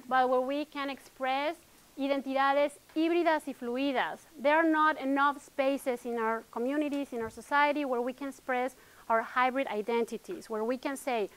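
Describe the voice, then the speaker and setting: High-voiced Mexican woman presenting a workshop. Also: fairly bright tone. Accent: Mexican Spanish. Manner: code-switches between Spanish and English, frequent tag questions. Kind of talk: academic workshop talk.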